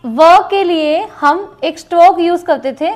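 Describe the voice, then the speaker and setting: High-pitched woman, unhurried shorthand teacher who repeats each example. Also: a little mellow. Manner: slow, repeats each example word twice. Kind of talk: classroom lesson with board writing.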